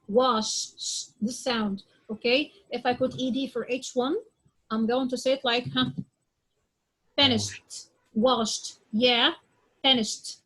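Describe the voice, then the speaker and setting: A woman with a high voice leads an English pronunciation lesson. She talks slowly and patiently, repeating each example word several times and stopping often to ask if the class understands. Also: fairly bright tone, rough recording. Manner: drills word sounds aloud one at a time. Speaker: English teacher.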